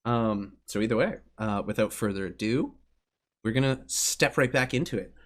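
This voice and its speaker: Casual low-voiced game master. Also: male voice, normal speed. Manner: casual, many fillers. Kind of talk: narrating a tabletop game on a live stream.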